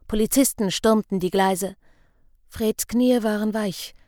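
A woman reading a novel aloud in measured, expressive audiobook narration. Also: medium pitch, dry recording, studio quality.

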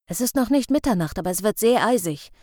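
A woman voicing a calm grown man who talks plainly and reasons steadily in an audiobook reading. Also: medium pitch, fast, dry recording, studio quality, close to an everyday voice. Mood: calm persuasive. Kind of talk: audiobook character voice.

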